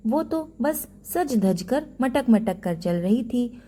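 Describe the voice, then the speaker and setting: A woman's voice: a little high, slow pace. Woman telling a devotional folk tale. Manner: expressive storytelling. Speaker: storyteller.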